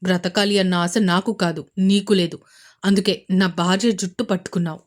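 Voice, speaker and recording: A woman voicing an angry, protective young husband who gives curt, forceful orders. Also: mid-range voice, steady tone, normal speed, lightly acted. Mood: furious commanding. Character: furious protective young husband, commanding hero.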